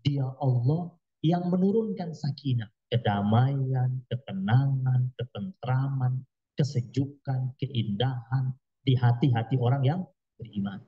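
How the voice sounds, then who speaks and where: A man's voice: medium pitch, measured pace, breathy edge, muffled recording. Man preaching with emphatic rhetorical questions. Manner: emphatic, rhetorical questions and dramatic quoted outbursts. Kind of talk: sermon. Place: religious study gathering.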